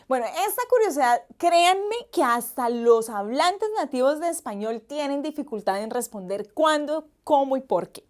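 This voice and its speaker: A woman with a high voice gives a Spanish lesson. She explains each point clearly and talks straight to the viewers. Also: expressive, normal speed, hardly any pauses, faint music behind. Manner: clear, instructive, addresses viewers directly. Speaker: Spanish teacher. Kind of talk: explaining language lesson to learners.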